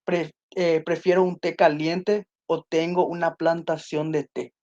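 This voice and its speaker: A woman's voice: sits low, flat delivery, mellow, dull audio. Patient woman teaching grammar online. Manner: explains slowly, reads example sentences deliberately; checks in with students by asking questions. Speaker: Spanish teacher. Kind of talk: online class lecture.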